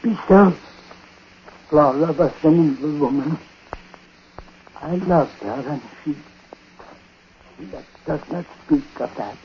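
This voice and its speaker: An actor playing a dying, superstitious old uncle in a 1940s radio drama, speaking haltingly in short, weighty phrases. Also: male voice, a little high. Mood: weary confession. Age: older. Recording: muffled, noisy 1940s radio recording.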